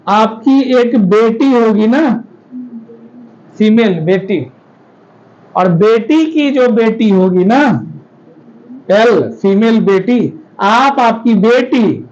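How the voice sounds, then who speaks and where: A man's voice: extremely high pitch, slow, pauses often, darkish tone, muffled recording. A man teaching a classroom lecture, explaining step by step and often checking that the students follow.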